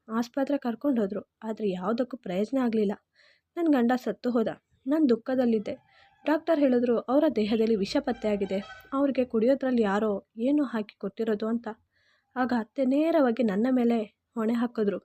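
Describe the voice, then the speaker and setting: A woman's voice: a little high, brisk, warm tone, no echo. A woman narrating an emotional first-person story in Kannada-accented speech, earnest and heartfelt.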